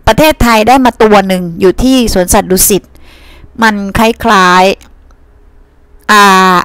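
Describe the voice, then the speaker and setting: A woman's voice: medium pitch, slow, fairly bright tone, clean tone, dry recording. A woman teacher giving a reading lesson in a chatty way, asking her pupils questions and answering them herself. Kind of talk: reading-comprehension lesson to students.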